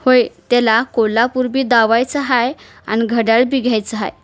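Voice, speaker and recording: A woman's voice: a little high, fairly even intonation, no echo, natural voice. A woman doing a humble older farmer. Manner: plain, unhurried village talk. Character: humble older male farmer, plain-spoken and weary.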